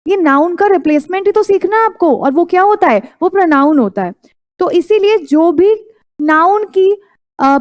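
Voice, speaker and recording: A woman teaching a class in a mix of Hindi and English. She keeps quizzing her students with quick prompts and repeats the key terms for emphasis. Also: sits high, a little mellow.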